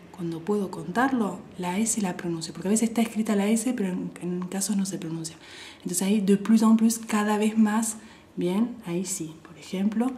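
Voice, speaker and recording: A young woman giving a language lesson, repeating each example slowly and often softly. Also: medium pitch, slight background noise. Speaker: French teacher.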